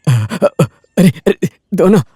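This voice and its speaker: A man dubbing a broke, cheeky villager who wheedles and begs his way out of debt. His pitch swings widely, and the sound is close and dry. Dubbed film dialogue with faint music behind. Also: very animated, drawn-out words, dark tone, husky, no room sound, exaggerated voice. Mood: pleading. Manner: pleading, wheedling. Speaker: debtor villager dodging creditors.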